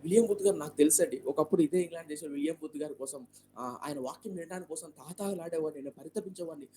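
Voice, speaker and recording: A man voicing an eager young man who asks excited questions. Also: a little high, rapid-fire, a little hiss or hum, natural voice. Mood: amazed.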